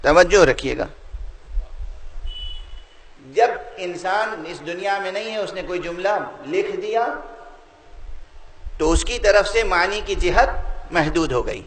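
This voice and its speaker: A man preaching a sermon, posing questions to his listeners and building slowly to loud, drawn-out emphatic peaks. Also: high voice, lively intonation, rough recording. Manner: slows and rises to loud emphatic peaks, rhetorical questions to the audience. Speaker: religious scholar.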